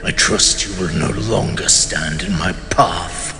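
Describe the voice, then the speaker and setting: A man's voice: deep voice, unhurried. A man playing a haughty, betrayed immortal king in a fantasy audio drama, pompous and sardonic in formal archaic speech. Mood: haughty, condescending. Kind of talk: dramatic audio roleplay monologue. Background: music.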